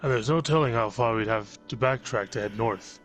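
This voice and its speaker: A man's voice: medium pitch, fairly quick, a bit bright, soft background music. A young man chatting casually with a friend while playing a story game, reasoning out choices. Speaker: co-player. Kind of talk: casual chat during a game.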